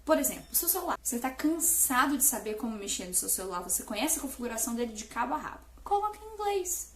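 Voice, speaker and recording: A young woman who speaks fast and playfully, teaching English tips in a casual tutorial with sudden loud stresses. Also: on the high side, sing-song, roomy sound, a little hiss or hum. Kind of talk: energetic casual tutorial to camera.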